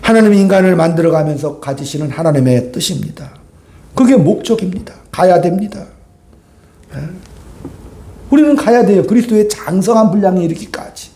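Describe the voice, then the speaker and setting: A man preaches in a high-pitched yet soft, mellow voice, filling a reverberant church sanctuary. His sermon feels like a conversation, and he keeps prompting the pews to agree. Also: lively intonation, a little fast. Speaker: pastor. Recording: echoey church room.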